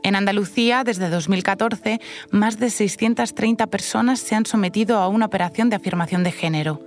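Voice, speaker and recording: A woman's voice: medium pitch, brisk, soft background music. Woman narrating a news report.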